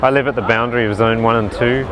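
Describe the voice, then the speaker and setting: A man's voice: medium pitch, steady tone, fast, background noise. A man chatting casually as a member of the public in a vox pop.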